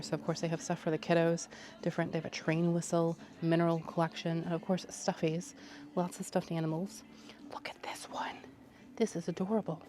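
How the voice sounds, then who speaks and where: Low-voiced female travel vlogger. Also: a little mellow. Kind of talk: casual running commentary to viewers.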